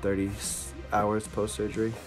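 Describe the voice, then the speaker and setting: A man giving a casual, halting and matter-of-fact video diary update, sounding congested from nose packing. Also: fairly low pitch, completely flat delivery, music in the background. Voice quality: congested, blocked nose from nose packing after surgery. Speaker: vlogger.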